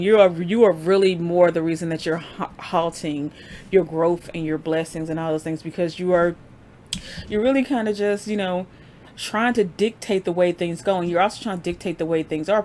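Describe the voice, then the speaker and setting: A woman's voice: fairly low pitch, fairly even intonation, fairly quick, a little mellow, a little hiss or hum. A woman giving a casual pick-a-card tarot reading, conversational and informal, laughing often as she talks. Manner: informal slang, frequent fillers. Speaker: tarot reader.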